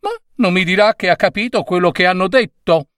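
A man's voice: brisk, a bit bright, no echo, clean studio sound. A man voicing a prim, disapproving elderly woman neighbor who speaks indignantly. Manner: indignant, shrill.

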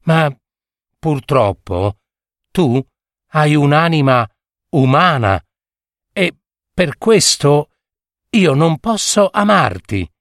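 A man voicing a beautiful, aloof young mermaid who speaks gently and with regret. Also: fairly high pitch, sing-song, slow, long pauses, dry recording, studio quality, heavily acted. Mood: regretful.

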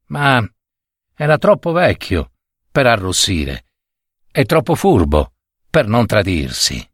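A man narrating a story in a measured, deliberate reading voice. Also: lowish voice, wildly swooping pitch, a bit bright, breathy edge, no echo, studio quality.

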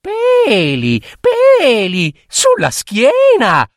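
A man's voice: very high-pitched, huge pitch swings, extremely slow, no echo, studio quality, pitched above the performer's own voice, exaggerated voice. A man doing a cheeky little princess. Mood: teasing. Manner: sing-song teasing rhymes. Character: cheeky little princess girl, bold and teasing.

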